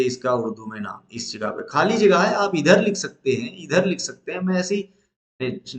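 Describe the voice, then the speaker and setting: A man's voice: medium pitch, fairly bright tone, echoey room. A male teacher, leading a lesson at the board, asking questions and answering them himself.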